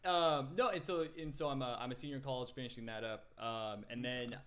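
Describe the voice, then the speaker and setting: A man's voice: medium pitch, a little fast, fairly bright tone. A man in his twenties, a guest telling his story in a casual podcast interview, with many fillers and restarts. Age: 20s. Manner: rambling, lots of fillers and restarts. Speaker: guest videographer. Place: small podcast room. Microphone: desk mic on boom arm.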